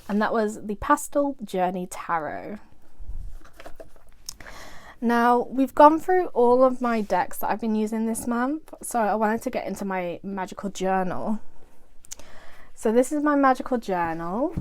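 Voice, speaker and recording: A woman talking casually to her viewers as she shows off her tarot decks, gushing and chatty. Her voice sits at a middling pitch for a woman. She keeps piling on praise and fillers. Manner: gushing, chatty, full of "like" and "fantastic". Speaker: tarot vlogger. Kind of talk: casual show-and-tell chat.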